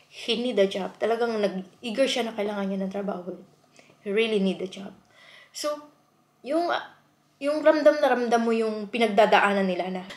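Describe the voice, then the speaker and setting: A woman from the Philippines talks to her viewers in a warm, chatty vlog, speaking from the heart and mixing English into her sentences. Her voice sits in a middle pitch. The recording has a noticeable roomy echo around her. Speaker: vlogger. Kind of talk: casual vlog talk to viewers.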